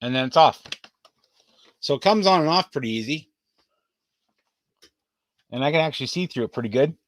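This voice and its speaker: With a voice on the high side and lively intonation, a man presents his collectibles in a casual show-and-tell vlog. He keeps a moderate pace, sounding cheerful and playful.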